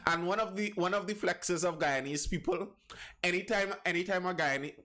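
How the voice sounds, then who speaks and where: Reading viewer comments aloud on his live stream, a Trinidadian host rambles and digresses, often starting his sentences over. He talks at a moderate pace in a high-pitched, pushed and bright voice.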